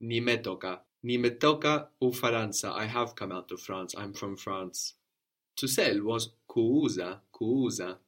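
A man's voice: fairly low pitch, a little slow, fairly bright tone. A man teaching a one-on-one language lesson, patiently prompting questions and repeating his student's answers.

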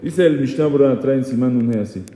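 Dark-voiced rabbi in an echoey hall. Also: male voice, medium pitch, fast. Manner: poses rhetorical questions, teasing asides. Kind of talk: Torah law lesson. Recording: echoey hall with long reverb.

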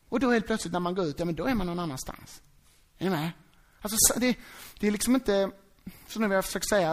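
A preacher giving a sermon in a casual, conversational way, often checking whether the congregation is following. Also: mid-range voice. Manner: animated, acts out quoted voices.

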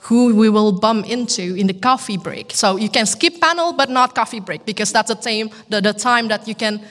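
A woman's voice: fairly high pitch, moderate pace, fairly bright tone. A chatty woman gives advice on a panel, dropping "like" into her sentences. Her voice trails into a long hall reverb. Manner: chatty, with many "like" fillers. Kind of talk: panel answer.

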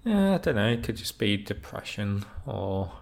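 A man co-hosting a casual podcast, talking in a dry, deadpan way as he reads out forum posts. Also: lowish voice, moderate pace, creaky. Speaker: podcast co-host.

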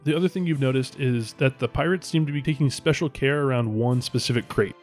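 A man's voice: medium pitch, brisk, darkish tone, soft background music. A man hosting and narrating a tabletop game podcast as game master, in a casual conversational style.

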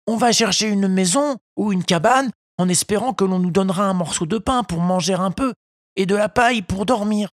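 A reader voicing a young wooden puppet boy, high and earnest, in a storybook reading. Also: moderate pace, no echo, studio quality, natural voice. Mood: tender, earnest. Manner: high, excited, earnest pleading. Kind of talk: storybook narration.

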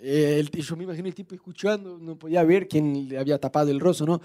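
A man preaching in a casual, humorous storytelling style. His voice sits high but sounds mellow and warm. He keeps up a lively, jokey retelling. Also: fast talker.

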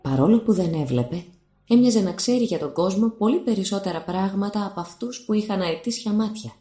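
A woman narrating a fairy tale for radio in an animated storytelling manner. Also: medium pitch. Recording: roomy studio echo.

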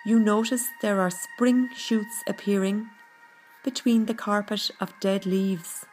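Female meditation narrator: gentle, calming read, very unhurried pacing, faint music bed. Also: medium pitch, low-quality recording. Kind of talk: scripted guided meditation narration. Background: background music.

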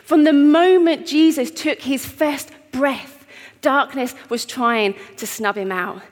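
Woman, preacher, sermon, big hall echo, projected voice, slightly high. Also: slow. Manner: projects her voice, warm storytelling. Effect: big hall echo on her mic. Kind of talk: sermon with a handheld prop. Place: church hall with a congregation. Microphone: wearing a mic on the PA. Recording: echoey hall reverb.

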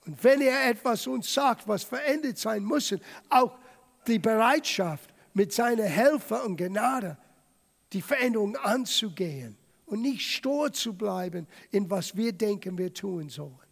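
High-voiced preacher with gravelly edge. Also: male voice, lively intonation, a little slow. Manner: emphatic, dramatic retelling of scripture. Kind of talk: sermon. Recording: long hall reverb.

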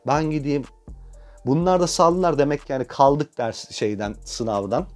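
A man's voice: mid-range voice, animated, normal speed, soft background music. A young man hosting a podcast, telling a comic personal story in a crude, self-mocking way and swearing freely. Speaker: podcast host.

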